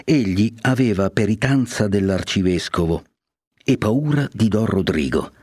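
A man narrating a classic novel aloud in a steady, literary reading style. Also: on the low side, measured pace, slightly rough, dry recording, clean studio sound.

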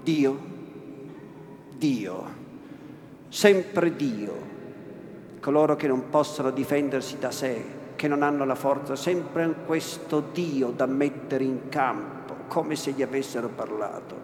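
A man's voice: medium pitch, slow, a little mellow, natural voice. A man voicing a feared, stern nobleman who gives commands, recorded in an echoey hall. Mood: scornful. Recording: echoey hall, faint noise.

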